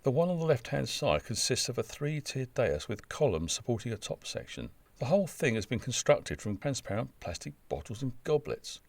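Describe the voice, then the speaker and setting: A man with a fairly low voice reads a scripted travel narration, recorded without echo. His delivery is wry, dry-humoured and wordy, full of description.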